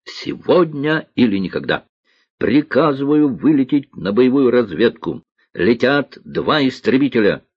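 A man voicing a pompous vice-marshal of aviation who barks orders loudly, in a dull lo-fi recording. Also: mid-range voice, husky, no echo, pitched above the performer's own voice. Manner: loud, bombastic commanding speech.

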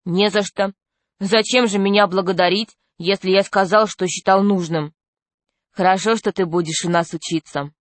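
A woman reading a storybook, voicing a calm, serious schoolboy with plain, measured speech. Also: mid-range voice, no room sound, natural voice.

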